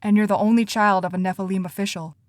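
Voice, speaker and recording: A woman voicing an earnest, anxious teenage boy who talks eagerly in rushes, in an audiobook. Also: mid-range voice, fairly even intonation, no room sound, close to an everyday voice.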